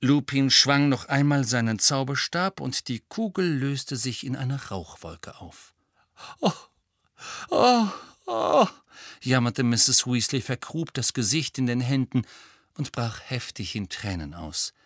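A man narrating an audiobook in a measured, expressive manner. His mid-range voice is recorded close with no room sound. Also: mid-range voice, dry recording.

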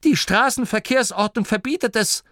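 A man's voice: very high-pitched, moderate pace, no room sound, studio quality, pitched above the performer's own voice. A man voicing Angelo, a bold young male nome who drives and answers curtly. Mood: brash. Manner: curt, sharp.

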